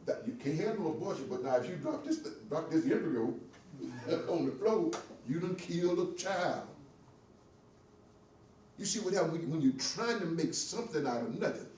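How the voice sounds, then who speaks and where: Older guy preaching hard in a church class, kinda high voice but dark sounding, echoey room, mic far off. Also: moderate pace. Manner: fiery, preaching, gets excited. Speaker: church class participant and veteran. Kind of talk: impassioned discussion. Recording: echoey room from afar, faint hiss.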